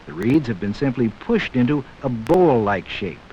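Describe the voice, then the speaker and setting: On a muffled, slightly hissing soundtrack from a 1960s film, a man narrates. His mid-range voice rises and falls with lively movement. He explains things to a young audience in a careful, scripted, educational way.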